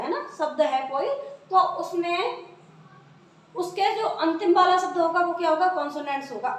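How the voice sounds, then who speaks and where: A woman's voice: extremely high pitch, a bit bright. A woman teaching English grammar in a classroom lesson, spelling words out letter by letter and answering her own questions. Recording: echoey room, voice from far off.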